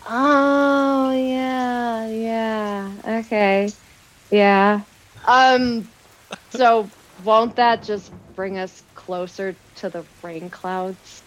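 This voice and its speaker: A woman's voice: a little high, fairly even intonation, drawn-out words, rough recording. A woman chatting and role-playing casually as a player in a tabletop game. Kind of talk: casual chat and role-play.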